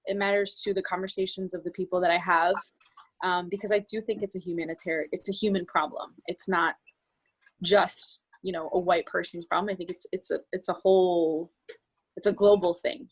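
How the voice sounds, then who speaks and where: A woman's voice: fairly low pitch, steady tone, brisk, husky, poor audio. A woman from the New Jersey area, a business coach and guest on a video call, talking earnestly and at length with many restarts. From New Jersey area, United States. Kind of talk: video call group discussion.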